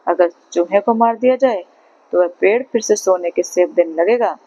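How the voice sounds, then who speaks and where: A woman's voice: fairly low pitch, moderate pace, warm tone, no room sound, lightly acted, low-quality recording. A woman voicing a grumpy sleepy demon. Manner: short-tempered demands.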